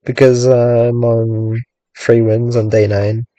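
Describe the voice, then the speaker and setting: Here the same loose, meandering streamer chats through his game, thinking aloud and leaning on "like," hedges, and unfinished thoughts. He speaks slowly at medium pitch with little pitch movement, his tone mellow, dark, and slightly raspy after long talking. The lo-fi sound is dry and close, with no room sound.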